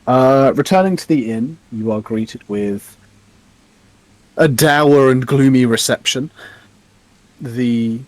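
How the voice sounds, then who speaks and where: A man narrating a tabletop game as game master, describing each scene in a halting way. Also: mid-range voice, dry recording, rough recording.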